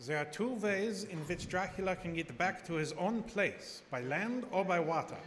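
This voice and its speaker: Solemn old vampire hunter in reverb. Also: male voice, high-pitched, animated, fairly bright tone. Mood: grave narration. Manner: solemn, halting foreign phrasing. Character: old Dutch professor and vampire hunter, grave, commanding. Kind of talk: live radio horror drama acting. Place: small theater stage. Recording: noisy live stage broadcast, long hall reverb.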